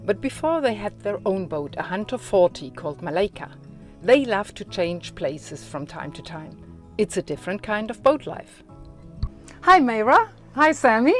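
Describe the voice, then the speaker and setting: A woman's voice: medium pitch, expressive, moderate pace, darkish tone. A woman who speaks English as a second language, hosting a casual interview and narrating. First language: not English. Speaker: host interviewer. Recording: background music.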